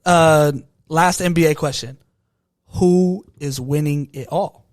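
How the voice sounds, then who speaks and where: A man's voice: a little high, takes it slowly, dry recording, clean studio sound. A young man hosting a casual podcast, teasing his father with laid-back questions. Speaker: podcast host.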